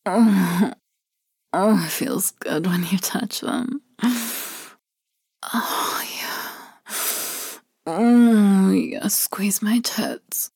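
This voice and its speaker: A woman in an intimate ASMR roleplay, speaking in a soft murmuring whisper with hums and sighs. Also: medium pitch, drawn-out words, vocal fry, long pauses, breathy edge, dry recording, clean studio sound. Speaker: roleplay narrator.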